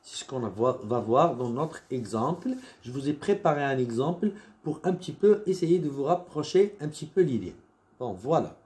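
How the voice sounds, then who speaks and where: A man's voice: medium pitch, animated, normal speed, a little mellow. A man with a Moroccan French accent, teaching a primary school lesson. He explains step by step, often repeating words and restarting his sentences. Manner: patient, explains step by step with examples.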